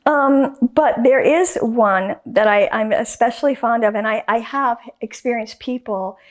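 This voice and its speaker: A woman appearing as a guest artist in a faith interview tells a story casually, with lively emphasis and phrases she repeats. Her voice is on the high side and a little slow.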